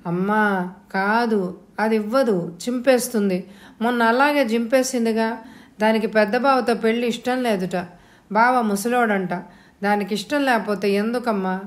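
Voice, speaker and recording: Anxious younger sister, read by a woman, pleading, audio novel, soft and earnest. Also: on the high side, unhurried, long pauses, voice pushed up, close to an everyday voice.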